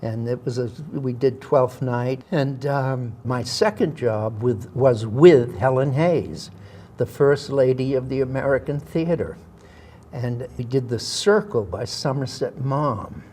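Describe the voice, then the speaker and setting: A man's voice: medium pitch, unhurried, warm tone. An older man, a veteran actor, tells stories from his career in an interview, with hesitant fillers and restarts. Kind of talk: anecdotal interview storytelling.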